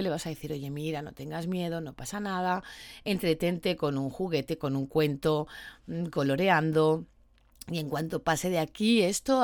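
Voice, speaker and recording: A woman's voice: lowish voice, no echo. A woman with a Spain Spanish accent, a dog trainer explaining her views to followers in an empathetic, persuasive way.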